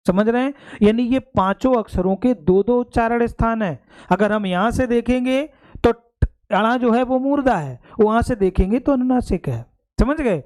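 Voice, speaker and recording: एक पुरुष हिंदी शिक्षक, जो परीक्षा की तैयारी के लिए कक्षा में समझाता है और बार-बार पूछता है कि बात समझ आई या नहीं।. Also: male voice, very high voice, a little mellow, clean tone. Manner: explains step by step, keeps checking understanding; addresses students fondly as "beta". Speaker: Hindi teacher. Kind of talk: exam-prep classroom lecture.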